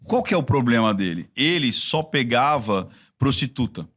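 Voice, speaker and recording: A Brazilian man with a Brazilian Portuguese accent and a mid-range voice, chatting casually on a podcast. He tells stories in an animated way, often breaking off and restarting his sentences as he goes. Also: medium pitch, normal speed. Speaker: body-language expert.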